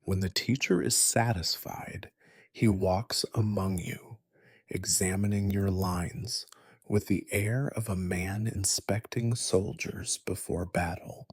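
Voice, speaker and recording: A man narrating a sleep story in a soft, gentle whispered role-play, close to the mic. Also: low voice, fairly even intonation, slow, husky, no echo.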